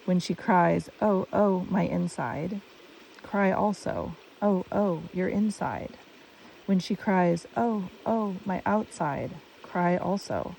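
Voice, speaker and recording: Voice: mid-range voice, vocal fry, a little mellow. A storyteller voicing a troubled father god giving solemn instructions. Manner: grave, lamenting. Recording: distant mic with stream noise.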